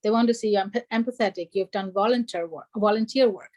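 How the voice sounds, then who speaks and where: A woman's voice: medium pitch, fast talker, darkish tone, rough recording. A young woman raised in Germany, speaking earnestly as an alumna on an online panel, emphatic and full of "you know" and "like". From Bangladesh, raised in Germany.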